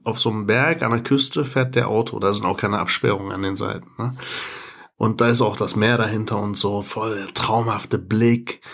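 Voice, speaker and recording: A man's voice: mid-range voice, fairly bright tone. A man co-hosting a podcast in casual chat, describing things at length with many fillers. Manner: rambling, detailed anecdote-telling with fillers. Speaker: podcast co-host.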